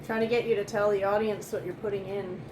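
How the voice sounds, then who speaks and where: A woman behind the camera banters dryly with the cook and teases him. Her voice is mid-pitched and plainly conversational. The kitchen echoes around her with a noisy background. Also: fairly even intonation, fast talker. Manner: dry, teasing. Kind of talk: casual banter.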